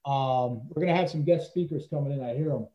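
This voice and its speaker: A man's voice: medium pitch, a little fast, slight background noise. A man who works as a teacher, telling stories in a casual interview, rambling with lots of "you know" and restarts. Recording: dull lo-fi recording.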